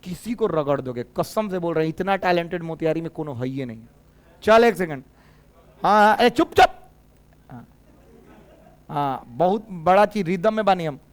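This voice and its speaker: Man, physics teacher, Bhojpuri-tinged accent, high voice, crisp tone, teasing, drills class in call-and-response. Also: expressive, normal speed, long pauses. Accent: Bhojpuri-tinged Hindi. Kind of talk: lively classroom lecture.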